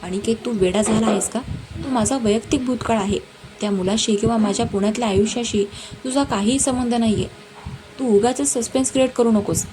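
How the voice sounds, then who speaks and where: A woman's voice: on the high side, brisk, lightly acted. A woman voicing a flustered but stubborn young woman who scolds sharply, over a noisy background.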